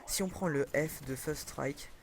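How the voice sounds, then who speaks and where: A young man talks through his gaming session on a headset mic, voice sitting slightly high. He rambles, stacks up fillers and keeps correcting himself mid-sentence. A faint noise floor hums under the recording. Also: a little slow. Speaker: gaming commentator. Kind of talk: casual gameplay commentary.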